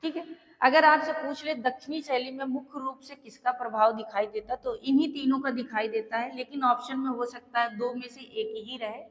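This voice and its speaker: A woman teacher giving a slow, repetitive exam-prep lecture, pausing often to check that her students are following. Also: high-pitched, steady tone, big-room sound, highs cut off.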